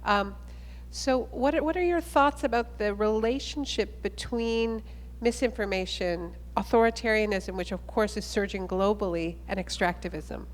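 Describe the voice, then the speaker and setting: A woman moderates a conference panel and asks long, thoughtful questions. Her voice is middle-pitched and carries a long reverb from the hall. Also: normal speed, a little hiss or hum.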